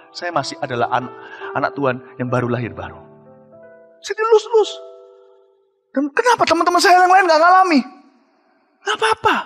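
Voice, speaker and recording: A pastor from Indonesia in his forties preaching a sermon, swinging from loud exclamations to low, hushed passages. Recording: long reverb of a large hall. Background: faint music.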